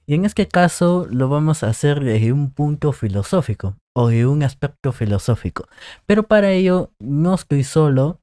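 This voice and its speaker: A male channel host speaks in a mellow, smooth voice, asking his guest questions with friendly hesitation. The sound is dry and close. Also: a little high, no room sound. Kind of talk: conversational interview.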